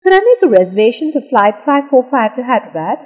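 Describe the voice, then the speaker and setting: Husky woman reading lesson dialogue. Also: on the high side, sing-song, a little mellow, long reverb tail. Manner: slow, careful, clearly enunciated delivery. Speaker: dialogue reader in an English lesson.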